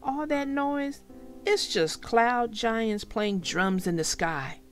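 A woman's voice: on the high side, expressive, slow pace, soft background music. A woman voicing a cheerful male hawk in a storybook, playful and reassuring. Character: cheerful male hawk who loves flying.

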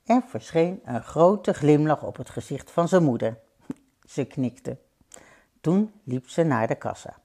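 Reading a children's picture book aloud, a woman takes her time and keeps things gentle. Her voice sits fairly low with a breathy edge, yet it's very lively, rising and falling with the story as she throws in playful sound effects.

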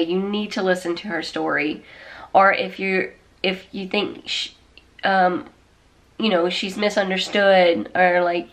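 A woman vlogger with a medium-pitched, fairly bright voice chats casually to a camera or phone held at arm's length. She's in a small room at home, sounding congested and rambling, full of fillers and restarts.

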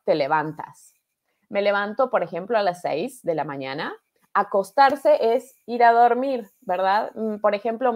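A woman from Argentina with an Argentine accent, teaching a live online Spanish class in a patient, encouraging way that keeps checking in with the viewers. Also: medium pitch. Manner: patient, encouraging, repeats and asks "¿verdad?". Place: home studio, live stream.

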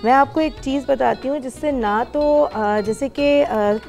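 A woman in her thirties explains cooking tips as a guest on a studio cooking show. Her voice sits a little high, and she works through her points with small hesitations and restarts. Faint music plays in the background. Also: a little slow, vocal fry, darkish tone. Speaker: guest cook. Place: bright studio kitchen set.

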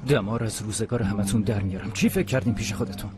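A man's voice: fairly low pitch, steady tone, over music, natural voice. Man voicing a grudge-holding cop, seethes then grovels to the boss, dubbed drama. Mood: vengeful. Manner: bitter, grovels to superiors. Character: vengeful, spiteful young policeman. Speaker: police officer.

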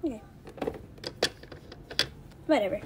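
A woman's voice: slow, background noise. A woman narrating doll play in a home video, rambling and shrugging things off as she goes. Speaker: video creator.

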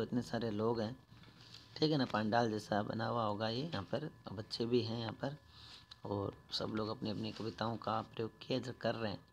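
A male teacher giving a patient school lesson, explaining each word one at a time and reading the verses slowly and more loudly. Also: mid-range voice, slight background noise. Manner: reads verses slowly and louder.

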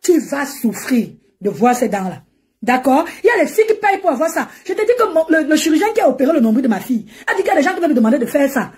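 A woman's voice: high-pitched, big pitch swings, very fast, a little mellow. A woman ranting and mocking on a live stream from home, laughing often as she talks into her phone. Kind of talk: animated Facebook live rant.

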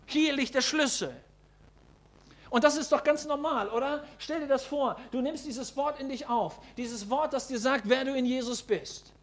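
A man preaching a sermon, emphatic, repeating key phrases and asking the congregation questions, slowing down to stress words. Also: very high voice.

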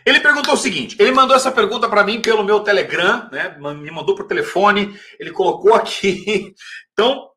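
Male English teacher with a Brazilian Portuguese accent, fairly high-pitched, casual and chatty in a live Q&A, slows right down for English examples. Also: expressive, pushed and bright. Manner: casual, chatty, reads viewer questions aloud; says English example phrases slowly and carefully. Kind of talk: live-stream Q&A lesson.

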